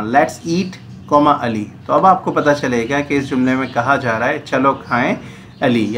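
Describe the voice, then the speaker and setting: A man's voice: on the high side, slight background noise. Male teacher. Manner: explains in Urdu mixed with English. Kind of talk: grammar lesson.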